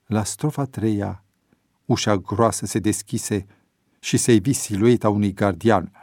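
A man reading a story aloud in a measured narrating voice. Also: on the low side, steady tone, darkish tone, no echo, studio quality. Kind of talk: scripted narration.

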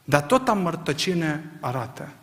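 A man preaching a sermon, asking rhetorical questions and swinging from quiet, measured lines to loud, emphatic ones. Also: on the high side, very animated, in a large hall.

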